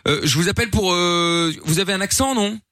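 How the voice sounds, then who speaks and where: A male radio host who talks fast and bright in joking banter. His voice sounds slightly high and close on a dry studio mic, loose and irreverent, with a casual curse here and there. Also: dry recording. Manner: fast, jokey, swears casually. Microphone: studio microphone.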